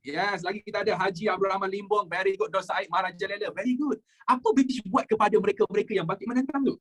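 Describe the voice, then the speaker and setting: A Malaysian woman teaches history in a husky, slightly breathy voice. She quizzes her class in a lively way, mixing English words into her explanations. Her pitch sits in an ordinary middle range. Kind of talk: exam practice lesson.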